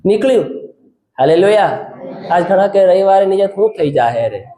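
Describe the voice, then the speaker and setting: A male pastor, preaching in a fairly high voice. He calls questions out to the congregation and repeats phrases to drive them home. The sound is echoey and roomy. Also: animated, normal speed, warm tone. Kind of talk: sermon.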